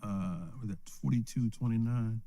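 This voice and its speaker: In a lowish, dark voice at a moderate pace, an elder gives an informal Bible lesson, streamed live from home or a small study. Most of his points end with "right?", and he chuckles often.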